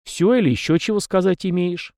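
A man's voice: high voice, a little fast, a little mellow, no room sound, clean studio sound, pitched above the performer's own voice. A man reading an audiobook, voicing a brash, proud young male warrior who speaks curtly and with scorn. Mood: scornful. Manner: scornful, curt.

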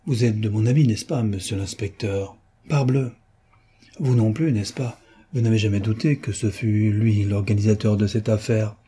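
A man's voice: on the low side, steady tone, normal speed, mellow, breathy edge. A man voicing an eager young amateur detective, insistent and fervent, in a storybook reading. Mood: confident.

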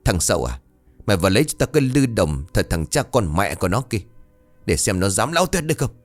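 A man's voice: on the low side, big pitch swings, fast talker, faint music behind. A man voicing an arrogant, cruel older village chief in a storybook ghost tale, barking orders and threats. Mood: commanding.

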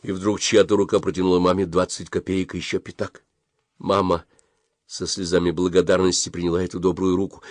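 A man reading a story aloud as an audiobook narrator, with an expressive storytelling delivery. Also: deep voice, fairly quick, dry recording.

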